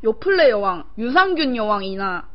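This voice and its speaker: Eating on camera for a live-stream show, a young woman talks to viewers in a slightly high voice with big pitch swings and a moderate pace. She's casual, now and then playful and singsong, murmuring briefly between phrases, from a small indoor room captured in dull, lo-fi stream audio.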